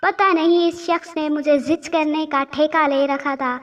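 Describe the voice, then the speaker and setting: A woman's voice: sits high, steady tone, recorded from a distance. A woman telling a first-person story as a storyteller, emotional, with quoted dialogue.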